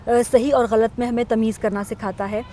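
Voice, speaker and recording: A woman co-hosting a Bible teaching talk, calmly explaining and reading verses aloud. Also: a little high, slight background noise. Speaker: co-host.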